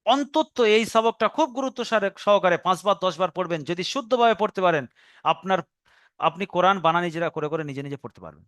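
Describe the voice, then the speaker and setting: A man with a Bengali accent teaches a recorded Quran reading lesson, explaining each step patiently. His voice sits high and comes across smooth and clear. The sound is close and dry. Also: lively intonation, a bit bright, dry recording. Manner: patient step-by-step explaining, slow drawn-out recitation of example words.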